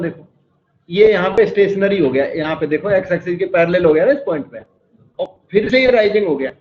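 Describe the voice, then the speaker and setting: High-voiced male maths teacher, echoey classroom. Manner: explains step by step and quizzes the class. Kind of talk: classroom lecture. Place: classroom with students. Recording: echoey room, slightly dull sound.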